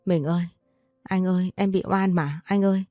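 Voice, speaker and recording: A desperate older first wife pleads with her husband, begging without pause. A woman storyteller voices her low and mellow, over a faint music bed. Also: fairly even intonation, no echo, clean studio sound, natural voice. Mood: pleading.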